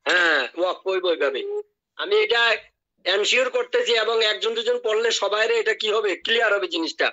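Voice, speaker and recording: A man teaching Quran recitation. His voice is high and bright, and he drills each word slowly and patiently. The call audio sounds dull and lo-fi. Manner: drills words by repeating them slowly. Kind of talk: online tajweed lesson.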